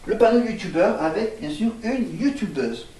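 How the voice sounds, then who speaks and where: A man vlogging casually, hesitating with fillers and restarts while he writes on a board and spells words out loud. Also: sits high, expressive, moderate pace, far from the mic. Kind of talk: rambling casual vlog, spelling words aloud. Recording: echoey room, voice off-mic, faint noise.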